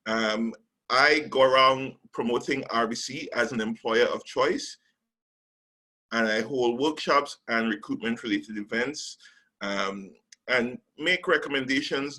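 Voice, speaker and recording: This Trinidadian man works in recruitment and gives a webinar talk at a measured pace, often pausing and saying um, through a call mic. The voice sits in the mid range, sounding pushed and bright, and the recording quality is low.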